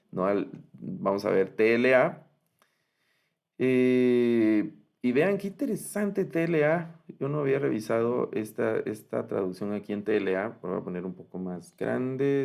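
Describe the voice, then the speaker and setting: A man gives an online lesson on Biblical Hebrew in a low, gravelly voice. He explains patiently, repeats his points and checks in with his listeners. He reads the Hebrew phrases slowly and with emphasis. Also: a little mellow. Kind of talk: online lecture with screen sharing.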